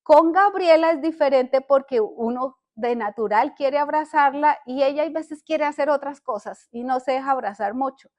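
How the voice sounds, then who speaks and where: An older woman and podcast host sharing a personal faith testimony, speaking earnestly and haltingly, often restarting her words. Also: sits high, darkish tone.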